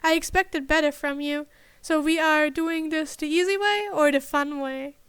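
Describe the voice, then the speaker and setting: A woman's voice: high voice, fairly even intonation, normal speed, fairly bright tone, no echo. A woman reading a snarky, threatening young man's lines in a fan audiobook. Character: rough-mouthed young man, snarky.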